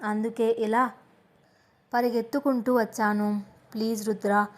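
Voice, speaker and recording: A woman's voice: on the high side, level tone, unhurried, lightly acted. A woman voicing a proud, wealthy young woman who pleads tearfully with a trembling voice, in an audio story. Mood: pleading.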